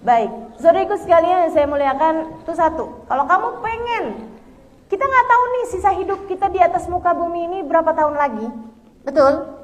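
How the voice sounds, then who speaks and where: Woman, middle-aged, preacher, high voice, animated chatty sermon, acts out dialogue. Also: fairly quick. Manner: lively, conversational, acts out dialogues. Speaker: Islamic preacher. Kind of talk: religious lecture to women.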